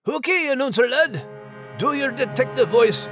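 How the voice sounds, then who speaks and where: A man voicing a gruff, bossy male Scottish terrier with a Scottish accent and blunt, homespun talk. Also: very high voice, animated, normal speed, over music.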